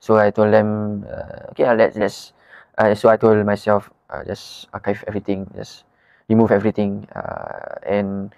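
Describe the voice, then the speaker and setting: Low-voiced man, Malay-English slang. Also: normal speed, creaky, a little mellow, no echo, lo-fi sound. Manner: colloquial Malay-English slang mix with "lah" particles. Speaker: guest, wedding photographer. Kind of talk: casual podcast conversation.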